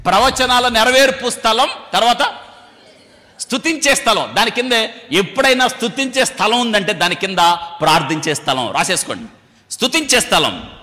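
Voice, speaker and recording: A man's voice: high-pitched, normal speed. A man preaching a sermon, calling on his listeners to answer back and mixing English phrases into his speech. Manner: animated preaching, calls for audience responses. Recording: long hall reverb.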